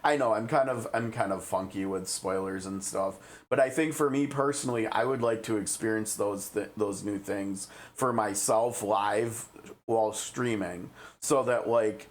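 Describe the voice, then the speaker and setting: A man's voice: lowish voice, unhurried. Chatty midwestern american streamer guy. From Midwestern United States. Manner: chatty, thinks aloud while reading. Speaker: game streamer. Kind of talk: casual live-stream chat.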